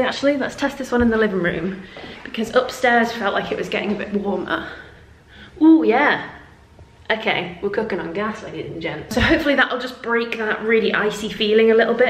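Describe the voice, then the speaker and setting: A young woman from northern England chatting casually to camera in a self-mocking way, her voice echoing like in a cave in an empty house. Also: mid-range voice. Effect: cave-like echo of an empty house. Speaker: vlogger. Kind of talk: casual vlog chat. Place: empty house, bare rooms indoors. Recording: echoey empty room, faint noise.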